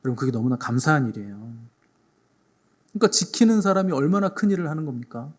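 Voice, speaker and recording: A man pastor delivers a sermon in a church and addresses his congregation directly. He tells the story with animated energy and acts out the voices of the people in it. His speaking voice sits somewhat high for a man. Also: fast.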